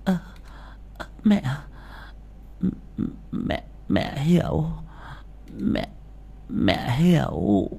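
A frail old mother who stammers and hesitates, speaking softly and higher than the narrator, as a man puts her on. Her voice is husky and unsure. She comes from a read-aloud storybook. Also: little pitch movement, extremely slow, pauses often, exaggerated voice. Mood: bewildered. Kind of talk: audiobook character voice.

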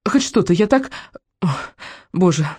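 A woman's voice: fairly low pitch, expressive, measured pace, a little mellow, husky, no echo, pitched above the performer's own voice. A woman reading as a tearful desperate young woman. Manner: pleading, tearful.

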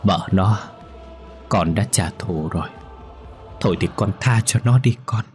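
A man's voice: low-pitched, unhurried, faint music behind. A man voicing the ghost of an old mother in a spoken ghost story, tender and pleading. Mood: sorrowful.

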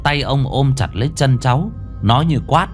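A man narrating a ghost story in a dramatic, lively way. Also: medium pitch, normal speed. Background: faint music.

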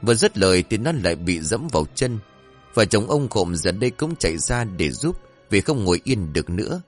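Deep-voiced male storyteller. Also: normal speed. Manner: expressive, dramatic. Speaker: narrator. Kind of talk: storytelling narration. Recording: faint music behind.

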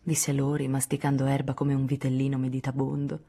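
A woman calmly narrating a classic novel as an audiobook reader. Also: very deep voice, a little fast, husky.

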